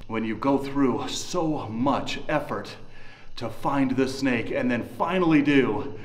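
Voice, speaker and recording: A man's voice: medium pitch, slight background noise. A man in his forties hosting a wildlife adventure vlog, speaking emphatically and informally to viewers. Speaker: wildlife adventure show host. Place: inside a rocky cave. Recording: echoey cave, music behind.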